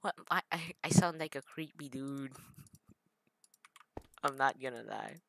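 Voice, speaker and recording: A woman's voice: rumbling low, measured pace, gravelly, a little mellow, a little hiss or hum. A woman hosting a gaming channel, rambling through casual gameplay commentary with self-mocking jokes and stammered restarts. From Philippines.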